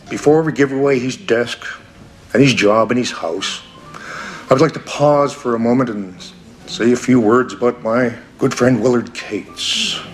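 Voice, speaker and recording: An actor playing a sardonic, theatrical man who tells dark events with relish in a wry, mock-ceremonious manner in a television drama. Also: mid-range voice, close to an everyday voice. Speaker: storyteller under questioning. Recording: music behind the voice.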